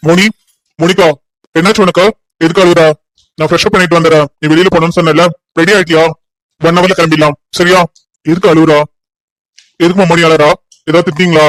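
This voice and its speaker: A mild young man asks his questions in a flat, even tone, as a woman voices him for a cartoon story. He talks fast and sounds close and dry. He stays unbothered throughout. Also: on the low side, no echo, pitched below the performer's own voice, natural voice, low-quality recording. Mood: easygoing. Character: young adult man, grown son, calm and easygoing.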